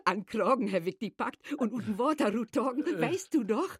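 An elderly northern wife with a Low German-tinged accent, worn out from caring for her husband. Her voice is husky and dry, recorded close with no room around it. She is blunt, sometimes scolding, sometimes soft. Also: animated, normal speed, no room sound. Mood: soothing. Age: older. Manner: blunt, scolding and tender by turns.

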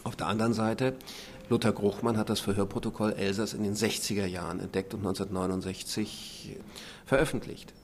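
Deep, creaky male expert in interview. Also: little pitch movement, fairly quick, a little hiss or hum. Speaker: expert interviewee, memorial director. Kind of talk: spoken interview commentary.

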